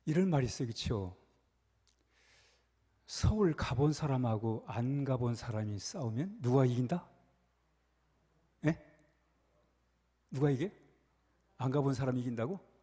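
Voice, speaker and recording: A man preaching a sermon as a pastor, telling a story with lively repetition and asking the congregation questions. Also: medium pitch, measured pace, pauses often, husky. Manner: animated storytelling, repeats phrases, asks the congregation questions. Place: church sanctuary. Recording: echoey church hall.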